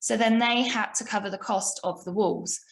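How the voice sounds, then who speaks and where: A woman's voice: medium pitch, normal speed, gravelly, rough recording. A woman co-hosting a business podcast, telling a story emphatically and with indignation. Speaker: podcast co-host. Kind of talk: casual business podcast chat.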